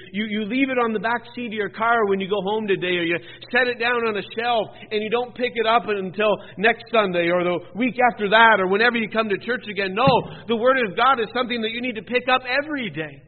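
Earnest high-voiced preacher in echoey church. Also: male voice. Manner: earnest, repetitive exhortation with rising emphatic peaks. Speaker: pastor. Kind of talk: sermon. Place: church sanctuary. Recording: phone-like sound in a reverberant church hall.

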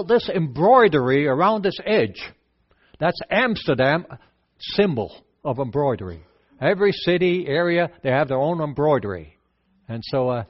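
An older man from the Netherlands with a Dutch accent, preaching a sermon and telling his life story in a plain, halting way with many fillers. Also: mid-range voice. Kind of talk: sermon with personal testimony. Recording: dull lo-fi sound.

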